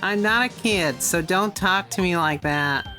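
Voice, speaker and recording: A woman's voice: fairly low pitch, a little slow, pushed and bright, soft background music. Woman playing a bratty, cocky little boy. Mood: snotty. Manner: defiant, boastful, snotty. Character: bratty, cocky twelve-year-old boy, a hero-show fanatic. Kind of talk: amateur video game voice-over.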